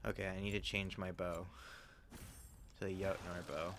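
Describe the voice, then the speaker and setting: Give me a chatty male streamer with a low-ish voice. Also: flat delivery, moderate pace, heavy background noise. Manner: candid, chatty, swears freely. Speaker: speedrunner and streamer. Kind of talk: casual gameplay commentary.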